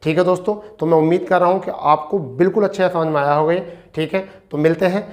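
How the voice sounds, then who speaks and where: A man's voice: fairly high pitch, steady tone, fast, a little mellow. A man teaching an exam-prep Hindi spelling lesson, repeating each word and asking and answering his own questions. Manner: addresses students as beta.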